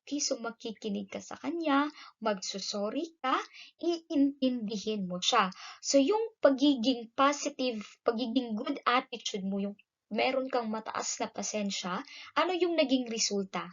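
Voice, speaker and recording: Filipino woman teacher, raised pitch, animated classroom delivery, muffled lo-fi recording. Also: unhurried. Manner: code-switching, frequent "no?" tag questions, lively emphasis. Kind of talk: classroom lesson.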